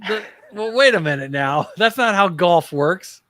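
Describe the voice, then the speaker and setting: A man's voice: high voice, expressive, unhurried, a bit bright, no echo. An American man chatting casually in a folksy, wry way, often putting questions to his friends. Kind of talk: casual group chat.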